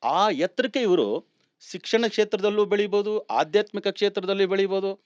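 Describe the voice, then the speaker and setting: A man's voice: high-pitched, brisk, no room sound, dull audio. A man explaining numerology as a guest on a talk show, speaking animatedly, laughing often and mixing in English words. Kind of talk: conversational explanation.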